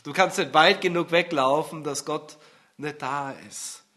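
A man preaching a sermon and reading scripture earnestly, swinging between loud emphasis and hushed tones. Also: on the high side, a little slow.

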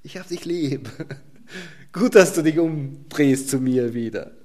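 A man's voice: mid-range voice, animated, slow pace, dark tone. A man voicing a delighted, fatherly God who welcomes his child back, in a raised, chuckling tone. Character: joyful fatherly God greeting a returning child.

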